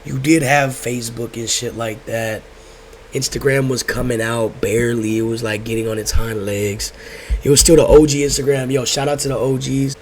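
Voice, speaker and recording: A young American man hosts with personal stories, his mid-range voice steady and darkish at a moderate pace, with slight background noise. His laid-back stoner talk is slangy and profane, and he rambles, repeats phrases, and drifts off track.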